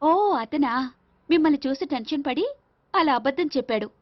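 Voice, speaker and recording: A woman's voice: sits high, a little fast, lightly acted. A woman playing a cheeky, unfazed young woman. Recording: dull film soundtrack.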